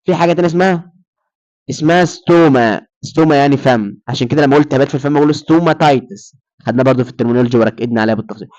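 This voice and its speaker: A man's voice: mid-range voice, rapid-fire, darkish tone, highs cut off. A man with an Egyptian Arabic accent giving a recorded lecture, who asks his students questions and then answers them himself.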